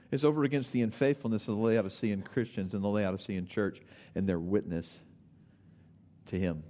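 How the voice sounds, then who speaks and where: A male preacher delivering a sermon at a middle pitch. He stresses each point by saying it twice, and he pauses to ask his listeners direct questions. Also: darkish tone. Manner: emphatic, repeats key points for stress.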